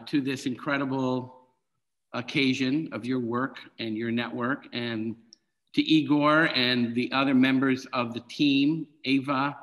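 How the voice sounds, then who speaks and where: A middle-aged film director appears as a guest on a video call, telling stories casually and animatedly while acting out the dialogue in his anecdotes. His voice is mid-range, and the recording is rough.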